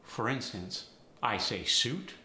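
A middle-aged man presenting a scripted lesson to camera in a deliberate, emphatic teaching manner. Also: medium pitch, expressive, bright, forceful tone. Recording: roomy echo, faint background noise.

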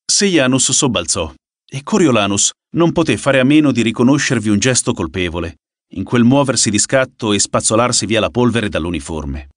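An expressive, dramatic male audiobook narrator speaks in a mid-range voice at a moderate pace. The recording is clean studio sound with no echo.

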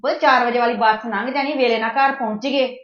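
In amateur family drama acting, a woman plays an older mother who hurries her married daughter along, caring yet scolding. Her natural voice is on the high side, fast and fairly bright with fairly even intonation, sounding urgent and tender, though the recording is dull and muffled.

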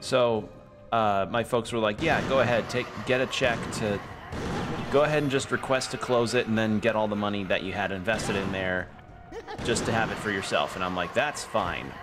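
Young male game streamer, lowish voice, casual rambling chat, self-correcting, faint music behind. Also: normal speed. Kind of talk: casual chat while playing a video game.

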